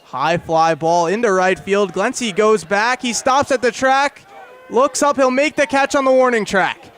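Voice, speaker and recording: On live radio at an outdoor ballpark, a young man narrates the baseball game with vivid calls that rise alongside the action. His fairly bright voice sits high and moves at a measured pace.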